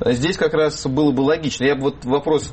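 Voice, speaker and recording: Halting man as a studio guest. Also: on the high side, steady tone, darkish tone, slight background noise. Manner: halting, many hesitations and restarts. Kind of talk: talk show discussion.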